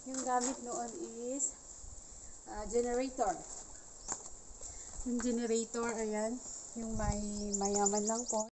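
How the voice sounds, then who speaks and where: A woman vlogger from the rural northern Philippines, a non-native Tagalog speaker with a regional accent, talking casually and politely in halting Tagalog mixed with English. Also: fairly high pitch, flat delivery. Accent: Igorot-region Philippine accent. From rural Ilocos Sur, Philippines. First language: an Igorot language of the northern Philippines. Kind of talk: casual walking vlog tour. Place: outdoors in a rural village. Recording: noisy outdoor recording with insects and animals.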